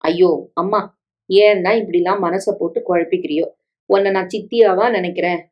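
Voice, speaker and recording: A woman voicing a reluctant thirty-five-year-old son who gently protests and doubts, in a story reading with dialogue. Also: lowish voice, fairly even intonation, moderate pace, muffled recording, lightly acted. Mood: gentle.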